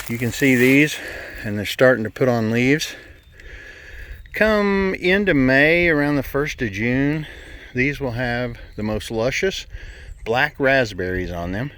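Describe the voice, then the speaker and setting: A middle-aged man with a medium-pitched, slightly bright voice narrates his hiking vlog as he walks through woods and fields. His chat is casual, folksy and easygoing, and now and then he sounds out of breath.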